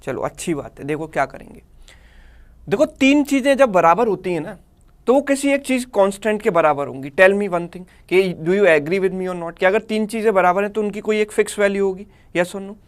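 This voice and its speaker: A man's voice: sits high, animated, moderate pace. A man teaching a live online math class in Hindi mixed with English in an Indian accent, explaining step by step and checking in with students.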